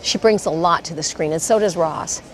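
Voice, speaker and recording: Lady from the film crew, lowish voice, upbeat, talking up the movie. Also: moderate pace, a little hiss or hum. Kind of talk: behind-the-scenes interview.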